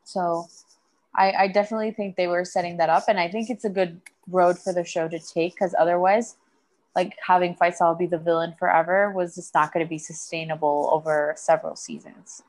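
Woman, podcast co-host, casual chat, lowish pitch, giggly. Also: flat delivery, a little fast, a little mellow, low-quality recording. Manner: chatty, laughs often, restarts a lot.

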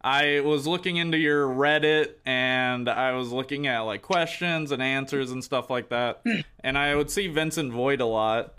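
Giggly young interviewer man, bright voice. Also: medium pitch, a little slow, clear, resonant tone. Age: 20s. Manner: laughs often, friendly and giggly. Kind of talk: casual video-call interview. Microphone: video call.

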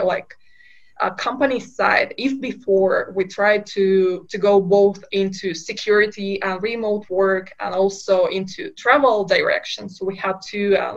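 A woman's voice: medium pitch, dull audio. A woman from Kazakhstan, a startup co-founder, answering interview questions with many fillers and restarts.

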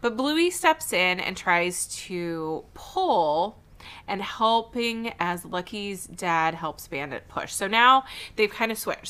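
Bright, lively woman recapping an episode. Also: lowish voice, clear, resonant tone. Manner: animated storytelling with laughs and quick asides. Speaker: podcast co-host.

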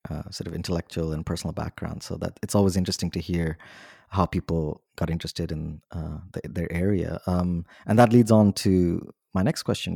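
A man with a low, gravelly voice and a dark, mellow tone hosts an academic book podcast. He asks his questions softly and hesitantly. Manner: soft-spoken, hesitant questioning. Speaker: podcast co-host. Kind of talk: academic interview.

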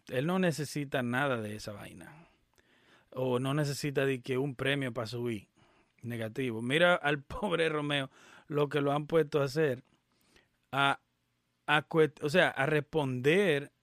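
A man's voice: mid-range voice, a bit bright, dry recording, studio quality. Emphatic man commenting over a clip. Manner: emphatic, opinionated, interrupts the clip to explain. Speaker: commentator reacting to an interview clip. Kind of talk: casual commentary.

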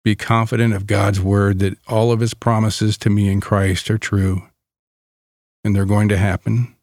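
Very slow, calm man guiding meditation. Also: fairly low pitch, dry recording, studio quality. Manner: calm, soothing, gentle delivery with long pauses. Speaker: guided meditation leader.

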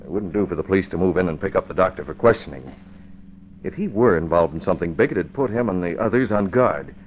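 An actor playing a serious, decisive crime-fighting newspaper man in an old radio drama, explaining firmly and deliberately. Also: deep voice, expressive. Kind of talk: mid-century radio drama acting. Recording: dull, faintly noisy old radio recording.

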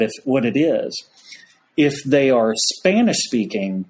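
As a podcast guest, a priest from the United States shares a story casually and folksily, with plenty of "y'all." His voice is medium in pitch and a little mellow.

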